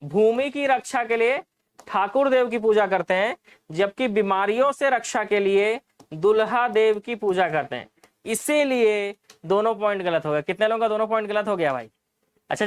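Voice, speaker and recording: A man with a high-sitting, clean voice and no echo teaches an exam-prep lesson. He explains answers, repeats key points, and puts rhetorical questions to the class.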